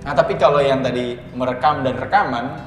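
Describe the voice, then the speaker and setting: Indonesian man teaching pronunciation, echoey room. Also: mid-range voice. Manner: patient, explains slowly and models words. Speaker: English teacher. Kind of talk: casual pronunciation lesson. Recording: echoey room with guitar music.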